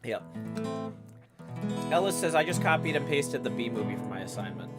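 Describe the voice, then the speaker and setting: A livestream host chats casually in a room shared with a guest, reading out viewer tips and rambling and riffing on chat messages. The voice is mid-range with lively intonation and a moderate pace, and guitar music plays in the background.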